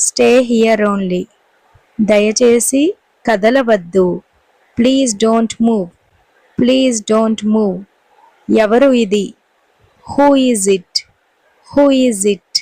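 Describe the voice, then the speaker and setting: Woman, English teacher, slow clear repetition, close dry mic. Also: fairly high pitch, a little mellow, dry recording, low-quality recording. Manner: says each Telugu sentence briskly, then repeats the English twice, slow and clear. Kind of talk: language lesson.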